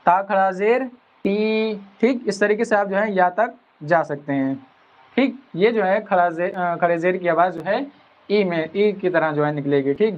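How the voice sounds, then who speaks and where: A male Quran teacher walks his students through a lesson, patient and repetitive, slowing right down to stretch out each sound. His voice sits a little high. The recording is dull and lo-fi. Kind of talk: explanatory lesson.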